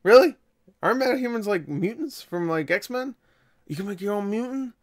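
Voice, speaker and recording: Sitting high and animated at a moderate pace, this young reaction host's voice fills a small home room as he swears, exclaims and drops jokey side comments in his casual commentary.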